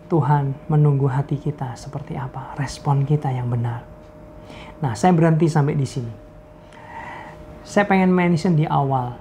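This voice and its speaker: A man's voice: a little high, a little mellow, slight background noise. A man preacher sharing a testimony, acting out quoted voices and dropping to whispers for emphasis. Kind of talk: testimony talk.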